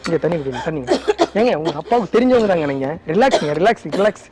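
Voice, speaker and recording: A man's voice: high-pitched, very animated, fast. A man hosting a prank video, coaxing and apologizing over and over with nervous laughs. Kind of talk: casual pleading apology. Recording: loud background music.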